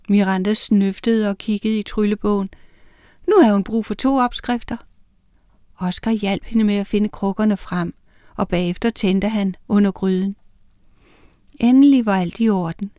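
A woman narrating a children's audiobook, reading with lively character voices. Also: medium pitch, clean tone, no room sound, clean studio sound.

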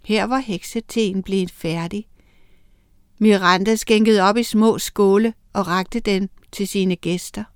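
A woman reading a children's story aloud in a lively, expressive way. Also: medium pitch, clear, resonant tone, no echo, clean studio sound.

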